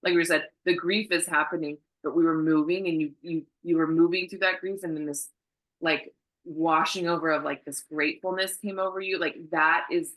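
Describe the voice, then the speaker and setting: A woman in her thirties hosting a casual interview, emotive and animated, acting out the voices of people in her stories. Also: sits low, poor audio. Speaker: host, acupuncturist.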